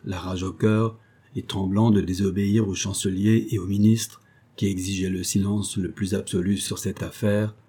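Low, husky male audiobook narrator. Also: warm tone. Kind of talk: scripted narration.

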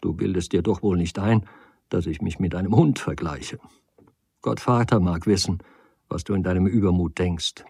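A man's voice: low-pitched, moderate pace, vocal fry, a little mellow, slightly rough, no echo, heavily acted. A man reading the part of a desperate woman who weeps, pleads and reproaches her lover. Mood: pleading. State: crying.

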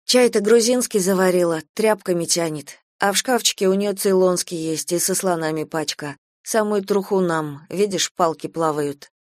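A woman's voice: lowish voice, moderate pace, few pauses, darkish tone, no echo, studio quality, lightly acted. A woman voicing a shy, grumbling middle-aged mother from the provinces. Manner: grumbling, muttering.

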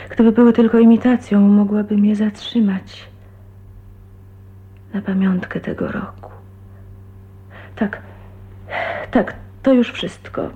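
In a tinny, hissy, band-limited 1980s radio drama, an actress with a natural, medium-pitched voice plays a shy, heartbroken 29-year-old leaving her husband. The young adult character often murmurs to herself, hushed and breathy, in a wistful farewell.

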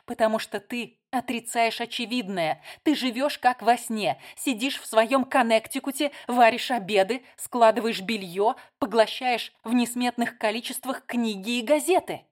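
A woman's voice: a little high, moderate pace, hardly any pauses, voice pushed up, natural voice. A woman reading a novel aloud, voicing a heated, insistent younger sister.

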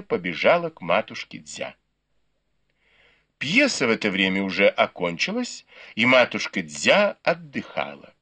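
A man reading an audiobook narration in an expressive storytelling manner. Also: mid-range voice, breathy edge. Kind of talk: scripted narration.

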